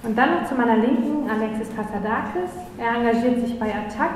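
A woman's voice: a little high, expressive, brisk. Young woman moderating in an echoey hall. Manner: hesitant, many fillers. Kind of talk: panel introduction. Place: small room with panel audience. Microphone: handheld mic, far camera. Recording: echoey hall from far off, faint noise.

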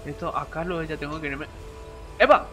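A young man giving casual let's-play commentary, excitable, yelping and groaning as he plays and mixing in English words. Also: a little high, moderate pace. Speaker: gamer streamer. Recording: game music behind the voice.

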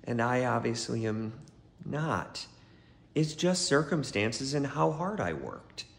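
A middle-aged man playing a smug, condescending rich villain in a wrestling promo, with pompous, mock-polite delivery and drawn-out emphasis. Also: medium pitch, big pitch swings, creaky, echoey room, heavily acted. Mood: smug, taunting. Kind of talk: scripted wrestling promo to camera. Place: poolside patio, then living room at home.

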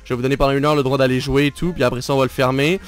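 A man's voice: medium pitch, fairly even intonation, rapid-fire. A man with a Québécois accent hosting a live game stream, chatting casually and teasing his friend and viewers. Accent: Québécois French. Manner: teasing, bantering, talks straight to viewers. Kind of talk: casual live gameplay commentary.

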